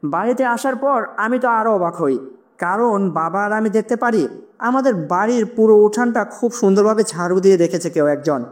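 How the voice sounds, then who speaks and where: A storyteller narrating a spoken horror tale in the first person, in an even, plain manner. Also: mid-range voice, brisk.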